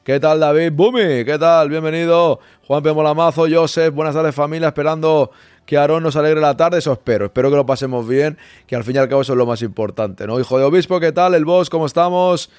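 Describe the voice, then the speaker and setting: A man's voice: fairly high pitch, brisk, a little mellow, clean tone, no room sound. A man hosting a live podcast stream, chatting and joking while reading viewers' messages aloud. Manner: jokey, chatty, reads chat messages aloud. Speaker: podcast host.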